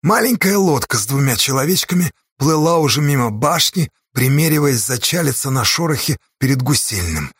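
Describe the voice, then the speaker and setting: A man narrating an audiobook in a measured, dramatic storytelling manner. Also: medium pitch, very animated, a bit bright, breathy edge, dry recording.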